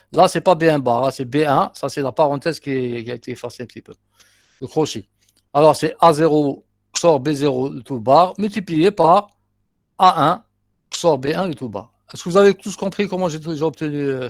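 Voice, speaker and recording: A middle-aged man with an Algerian accent teaches a university class, working through each step and repeating key terms as he goes. His voice sits a little high for a man, and the recording is dry and close. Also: normal speed, dry recording. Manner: explains step by step, repeats terms, mixes in short asides.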